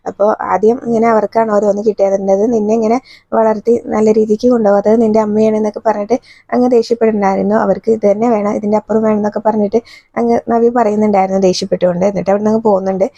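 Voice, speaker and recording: A woman from Kerala retelling the plot of a TV serial in casual, fast speech, with frequent fillers. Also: medium pitch, level tone, warm tone, dry recording, lo-fi sound. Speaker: TV serial recap reviewer. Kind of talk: casual spoken episode recap.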